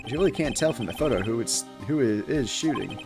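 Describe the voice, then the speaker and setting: A man's voice: mid-range voice, animated, quick pace, close to an everyday voice. A man voicing a young male defense attorney who sounds anxious but determined, with game music behind. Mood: worried.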